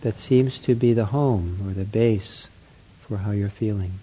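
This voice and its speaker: A man leading a guided mindfulness meditation, speaking gently in short, unhurried phrases with an accepting, reassuring counselor's manner. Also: lowish voice, a little hiss or hum.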